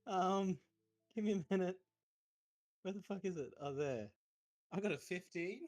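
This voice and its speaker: An Australian man playing a tabletop game, lively, laughing and swearing. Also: sits high, moderate pace. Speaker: player. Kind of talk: casual game chat.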